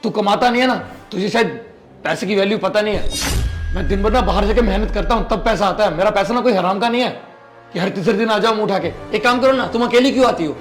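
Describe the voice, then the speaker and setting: Harsh, high-pitched man as an arrogant older brother, scolding, faint music under it. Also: quick pace, natural voice. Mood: angry scolding. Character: arrogant angry elder brother, young man. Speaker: elder brother in a family skit. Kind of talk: scripted family drama skit.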